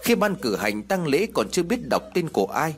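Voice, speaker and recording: A man narrating an audiobook ghost story in expressive storytelling fashion. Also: fairly high pitch, normal speed, faint music behind.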